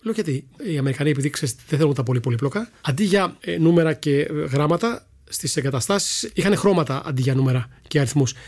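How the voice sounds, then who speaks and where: A middle-aged man, a sports broadcaster, telling lively anecdotes in a podcast chat and acting out the people in them. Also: a little high. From Greece. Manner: animated storyteller who acts out voices in quotes.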